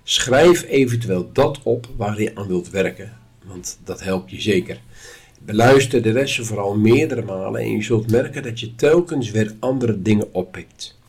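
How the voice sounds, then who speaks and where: A man giving a calm, instructive spoken lesson at a measured pace. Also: fairly low pitch, slightly rough. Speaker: course teacher.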